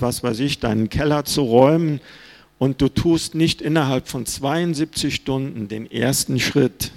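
A man's voice: medium pitch, gravelly, darkish tone. A man preaching a sermon in an earnest, plain-spoken way, reading scripture aloud. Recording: reverberant hall.

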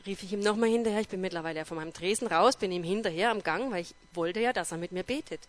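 A woman's voice: mid-range voice, very fast. Woman telling an earnest personal testimony. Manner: lively storytelling that acts out dialogue; earnest and emotional when reflecting. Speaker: speaker sharing her faith testimony.

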